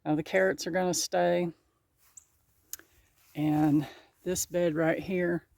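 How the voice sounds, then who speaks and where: Slow-talking folksy woman gardener. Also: fairly low pitch, steady tone, gravelly, a little mellow. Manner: folksy, chatty, laughs often. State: a little out of breath. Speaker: gardening vlogger. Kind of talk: casual vlog narration. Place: outdoors in a garden.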